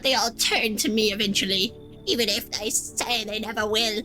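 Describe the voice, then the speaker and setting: A woman's voice: mid-range voice, steady tone, normal speed, sharp tone, faint music behind, natural voice. A woman voicing a weary, sly old wandering lady who speaks in folksy riddles with a tired old voice. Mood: ominous, knowing. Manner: folksy, riddling, calls listener dearie.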